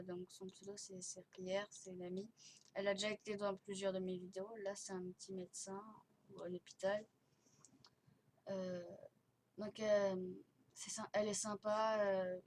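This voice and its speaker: A woman gives a casual, rambling tour of a game in a medium-pitched voice. Her speech is impeded and tight-mouthed from dental elastics, with slurred S sounds. The recording has some background noise. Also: darkish tone. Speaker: host of a gaming video channel. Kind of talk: casual chat commentary touring a game. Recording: noisy home recording with clicking.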